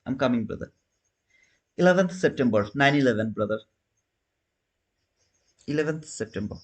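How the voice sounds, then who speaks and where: A man in his thirties hosts a trading livestream casually, chatting with viewers and answering their comments. His medium-pitched voice has lively intonation and a moderate pace, and his phrasing is loose and non-native, with frequent restarts.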